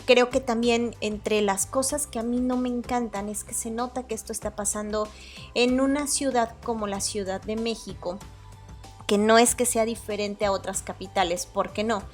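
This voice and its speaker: A woman's voice: medium pitch, steady tone, normal speed, faint music behind. A woman with a Mexican Spanish accent hosting a solo podcast, talking in a chatty, hedging way and often correcting herself. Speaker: podcast host. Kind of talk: casual solo podcast commentary.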